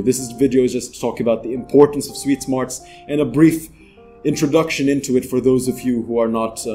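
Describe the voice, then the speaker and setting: Earnest man giving mellow advice. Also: mid-range voice. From Philippines. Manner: earnest, big-brotherly advice. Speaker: channel host. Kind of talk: motivational vlog monologue.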